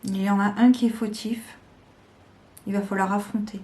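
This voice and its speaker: A woman giving a slow, deliberate weekly tarot guidance, with frequent pauses and hesitations. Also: mid-range voice, level tone, mellow. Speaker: tarot reader.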